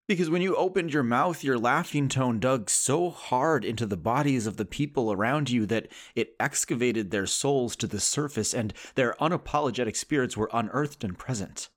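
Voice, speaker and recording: A man reading a poem in character as a sarcastic adult male sitcom character, rising in pitch on the refrains. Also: natural voice.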